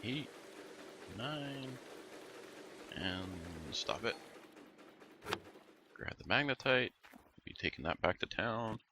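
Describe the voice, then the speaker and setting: A man with a gravelly early-morning voice gives casual commentary over a game he is playing, rambling and muttering to himself as he goes. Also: medium pitch, expressive, slow, long pauses, background noise. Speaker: let's play host.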